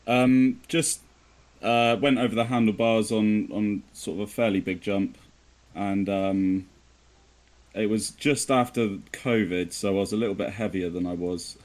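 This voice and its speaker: A man with a rural West Country English accent speaks in a low, fairly even voice. He chats informally and self-deprecatingly, feeling his way through his sentences. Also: a little slow. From southwest of England. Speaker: podcast guest. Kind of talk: casual chat.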